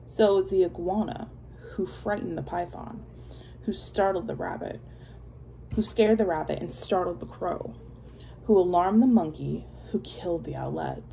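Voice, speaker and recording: A woman voicing a solemn male lion king who recites a chain of blame in a measured way. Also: lowish voice, vocal fry, dark tone, slight background noise, low-quality recording.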